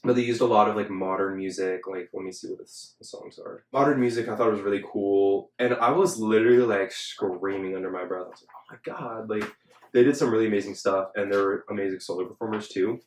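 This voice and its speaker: A young man chats casually as a podcast host, his voice sitting a little low. His talk is loose and full of "like". The room around him rings with a roomy echo. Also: steady tone, fast talker, few pauses. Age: young adult. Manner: filler-heavy, chatty, frequent "like". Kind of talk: casual chat. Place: Los Angeles.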